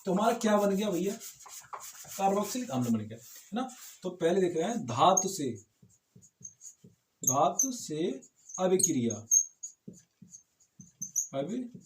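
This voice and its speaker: Man, chemistry teacher, high voice, echoey room, keeps asking rhetorical questions. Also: sing-song, unhurried, pauses often, a little hiss or hum. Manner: motivational asides, frequent rhetorical checks. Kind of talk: informal classroom lecture.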